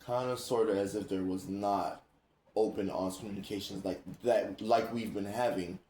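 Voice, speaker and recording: Animated man telling stories, roomy sound. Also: fairly low pitch, normal speed, a little hiss or hum. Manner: animated, laughing, acts out quoted speech. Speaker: streamer and host. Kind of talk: casual storytelling chat. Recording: roomy echo.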